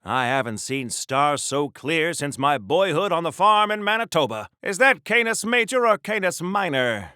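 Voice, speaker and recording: He's an earnest, awkward, prudish golden age video game superhero whose fairly high voice swings widely in pitch with a bright, forceful ring. In a musing mood, he chatters primly in quaint mid-century exclamations with a sing-song lilt, at normal speed and with few pauses. The close, dry recording is clean, with no room sound.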